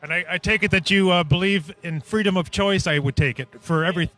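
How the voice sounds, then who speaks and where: A man's voice: high voice, brisk, fairly bright tone. A man doing a street interview outdoors, earnestly asking long leading questions. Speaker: independent media interviewer.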